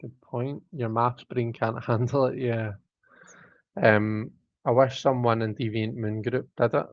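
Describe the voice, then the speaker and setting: Man, casual tarot streamer, self-deprecating banter, mid pitch, dry and muffled home audio. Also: fairly even intonation, a little slow, no echo. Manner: chatty, self-mocking, reads out viewer comments. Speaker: tarot reader and livestream host. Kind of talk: casual live-stream chat.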